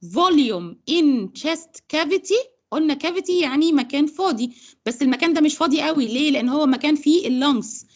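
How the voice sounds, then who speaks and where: A woman's voice: high-pitched, rapid-fire, darkish tone. A woman with an Egyptian Arabic accent teaching science over a video call, patient and coaxing, mixing Arabic and English. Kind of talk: online tutoring lesson.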